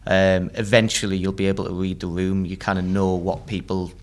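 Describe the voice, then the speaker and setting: A man hosting a casual pub podcast, brisk and easygoing. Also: deep voice, flat delivery. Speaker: podcast host.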